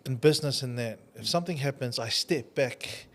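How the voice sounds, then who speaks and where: Animated New host telling stories. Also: male voice, mid-range voice, fairly quick. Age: adult, a father. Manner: animated storyteller, warm encouragement. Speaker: podcast host. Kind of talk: casual interview with storytelling.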